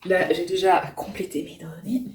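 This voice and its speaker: Middle-aged woman book vlogger, chatty and self-teasing, mellow tone, heard from a few feet off in a roomy room. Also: on the low side, level tone, normal speed. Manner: chatty, self-mocking, many hesitations. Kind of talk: casual chat to camera. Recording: roomy and a bit distant.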